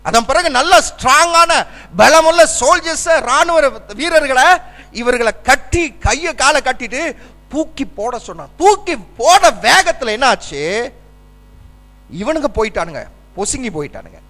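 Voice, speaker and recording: Male pastor preaching hard in a church, really high bright voice, calling for amens, big reverb. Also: lively intonation, a little slow. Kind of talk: sermon.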